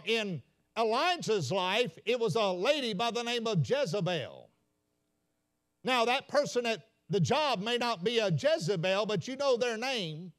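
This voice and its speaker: A man, a senior pastor, preaching a sermon in a folksy storytelling way and calling out to "ladies and gentlemen.". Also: extremely high pitch. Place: church sanctuary.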